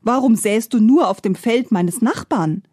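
Woman playing a poor desperate farmer, pleading, high anxious questions, husky tone, storybook tale. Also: lively intonation, a little slow, warm tone, dry recording, clean studio sound. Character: poor hard-working male farmer, desperate then hopeful.

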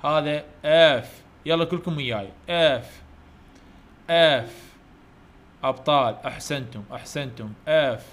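A man with an Iraqi Arabic accent, teaching English letters to children online, coaxing loud repetition and heaping praise. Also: medium pitch, unhurried, long pauses. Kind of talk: online letter-drill lesson.

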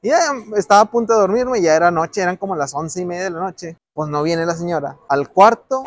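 A young man with a Mexican accent, telling a slangy, animated story in a casual vlog. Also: high-pitched, brisk, no echo. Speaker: vlogger and street interviewer. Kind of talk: casual storytime with street interviews.

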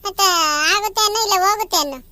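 A shrill, pleading village woman voiced by a performer for a cartoon, speaking. The voice is extremely high and very bright, recorded close and dry. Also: rapid-fire, no room sound. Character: pleading rural village women devotees. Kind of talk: cartoon voice acting.

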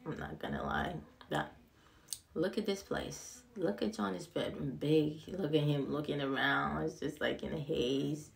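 A young adult woman casually narrating a tour of an empty house, excited and rambling, repeating words, filmed on a handheld phone indoors. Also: sits low, a little slow, creaky. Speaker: vlogger giving a house tour. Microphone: handheld phone camera, filming.

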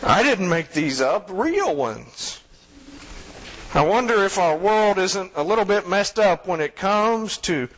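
A man's voice: high voice, a bit bright. A man preaching a sermon as pastor, conversational and joking, with asides to the congregation. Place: church sanctuary. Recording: long church reverb.

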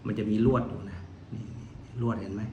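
A man from Thailand demonstrating a crossbow pistol in a casual, polite way, talking while he handles the gear and often trailing off into soft asides. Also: fairly low pitch, level tone, brisk, highs cut off. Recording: echoey room with faint noise.

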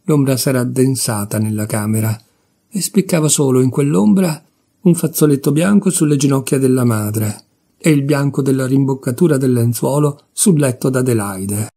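Male reader, literary narration, mellow dark tone, husky, measured. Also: mid-range voice. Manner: measured, expressive. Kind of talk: scripted narration of a novella.

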